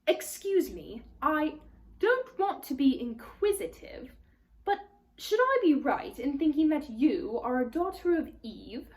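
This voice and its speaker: A woman's voice: sits high, sing-song, unhurried, voice pushed up, heavily acted. A woman voicing a friendly, easily flustered male faun from a storybook, speaking politely and formally with hesitant repetitions. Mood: flustered, inquisitive. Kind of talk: storybook character read aloud.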